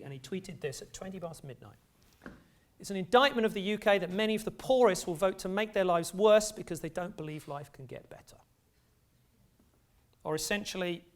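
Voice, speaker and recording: A man's voice: high-pitched, a bit bright. A middle-aged English man giving a university lecture in a conversational way, with wry asides. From England. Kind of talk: academic lecture. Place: lecture hall.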